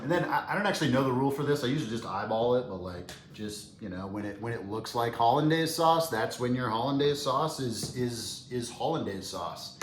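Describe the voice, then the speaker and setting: A man's voice: mid-range voice, animated, fairly quick, hardly any pauses, roomy sound, slight background noise. A man hosting a casual cooking tutorial, chatty and enthusiastic, often restarting his sentences. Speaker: cooking channel host.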